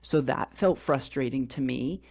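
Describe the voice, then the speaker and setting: A woman's voice: very deep voice, measured pace, creaky, a little mellow. Middle-aged woman telling a personal story. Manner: open, personal storytelling with frequent reenacted dialogue. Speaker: podcast co-host. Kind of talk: candid podcast conversation.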